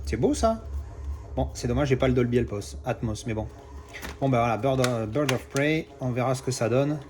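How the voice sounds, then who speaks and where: A man's voice: medium pitch, expressive, normal speed, noisy background. A man talks through an unboxing in a loose, chatty way. He hesitates often, restarts his sentences and swears casually as he goes. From Marseille, France. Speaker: collector doing unboxings.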